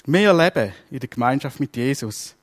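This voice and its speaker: Man, Swiss German accent, preacher, sermon, lively storytelling, mid pitch. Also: moderate pace. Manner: lively storytelling, acting out voices.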